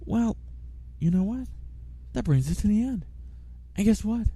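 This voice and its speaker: A man's voice: high-pitched, unhurried, slightly rough. A congested man with a rattly, chesty, phlegmy voice, chatting casually and playfully as a podcast co-host. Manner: animated, jokey, playful. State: congested, coughing with a cold.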